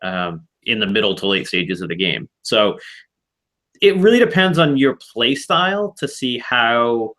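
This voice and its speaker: A man with a bright, forceful voice talks through board game strategy in a casual online chat. He rambles and restarts his sentences as he explains the rules. His pitch sits in an ordinary middle range. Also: big pitch swings, unhurried. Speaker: board game club host.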